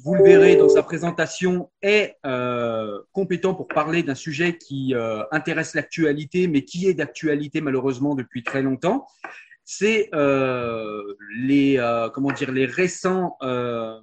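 A man hosting a video interview, introducing his guest in a hesitant way with frequent fillers. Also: medium pitch. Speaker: host.

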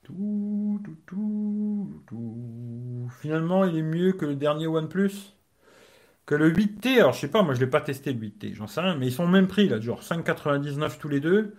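A man's voice: a little high, animated, brisk. A man hosting a casual live stream as a tech reviewer. He talks in slangy, rambling French and keeps adding "tu vois".

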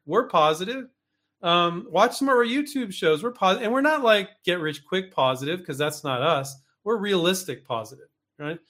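A man with a somewhat high-pitched voice gives inventors blunt, casual advice. He talks in a chatty, unpolished way, restarting sentences and throwing in mild curses. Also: fairly bright tone. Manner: frank and blunt, with mild swearing; chatty, with many restarts and asides. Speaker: invention licensing coach.

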